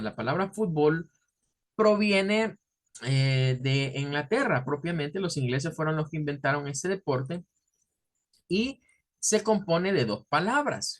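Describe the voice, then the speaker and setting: A man teaching a class, explaining step by step, slowing down to stretch key words and often checking with his students. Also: on the high side, expressive, a bit bright. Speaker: English teacher. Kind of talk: online class lecture.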